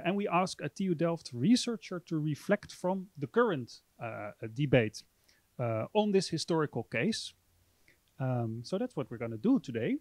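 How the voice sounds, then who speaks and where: Hosting a university lecture, a thirty-something man stumbles through his introduction to a public talk, filler words everywhere, holding a mic in a library. His voice runs on the high side and a little mellow, captured in a dry recording.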